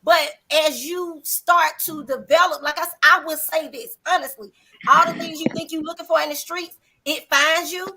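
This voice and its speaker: A high-pitched woman with a bright, clear tone chats as a talk show guest. She speaks earnestly and in a preaching way, leaning on faith and love as she talks. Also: steady tone, normal speed, rough recording. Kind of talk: casual talk show chat.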